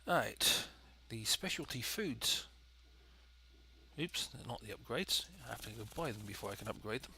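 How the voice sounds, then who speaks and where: A man's voice: medium pitch, expressive, moderate pace, vocal fry, sharp tone, breathy edge, poor audio. A man with a stuffy, nasal voice from a head cold, giving casual let's play commentary and thinking aloud as he goes. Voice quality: nasal, congested. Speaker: gaming video host.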